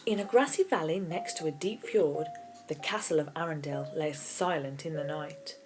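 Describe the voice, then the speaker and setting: A woman reads a children's novel aloud as an audiobook narrator, in a storybook style. Her voice sits low at a normal speed, with keyboard music playing behind it.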